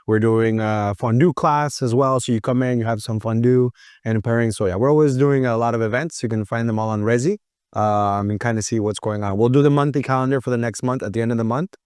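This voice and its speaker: Man, shop owner, relaxed chatty talk, smooth clear voice, dry sound. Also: mid-range voice, brisk, no room sound. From Miami. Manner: relaxed and talkative, with frequent fillers. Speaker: food boutique owner. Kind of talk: casual interview chat.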